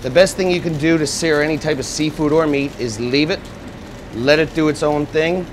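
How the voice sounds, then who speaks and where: A man's voice: fairly high pitch, normal speed, noisy background. Man, chef demo. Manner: steady instructive step-by-step explaining. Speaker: executive chef. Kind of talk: cooking demonstration. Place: restaurant kitchen at a gas range. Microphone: lapel mic.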